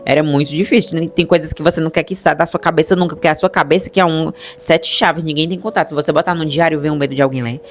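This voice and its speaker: A young Brazilian woman with a Brazilian Portuguese accent, telling her personal story to her viewers in a chatty, animated way. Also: deep voice, rapid-fire, few pauses, soft background music. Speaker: vlogger.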